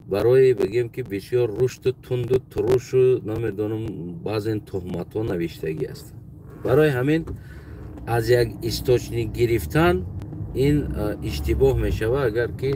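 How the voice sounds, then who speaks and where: A man with a Tajik accent talks at length in a halting, searching way, stopping often to find his words. His voice sits at an ordinary middle pitch. It was picked up from some distance outdoors, with steady road traffic clearly heard behind him. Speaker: commentator. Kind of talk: casual spoken monologue. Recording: distant mic with loud outdoor traffic noise.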